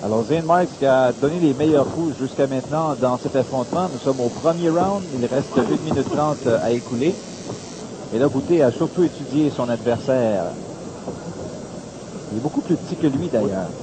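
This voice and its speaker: A man's voice: mid-range voice, normal speed. A man with a Quebec French accent giving conversational play-by-play boxing commentary. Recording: noisy broadcast with hiss.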